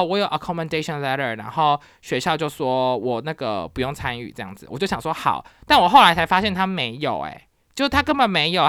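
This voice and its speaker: A young adult university teacher telling a story in a casual podcast, animated and dropping English words into the talk. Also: medium pitch, dry recording, studio quality.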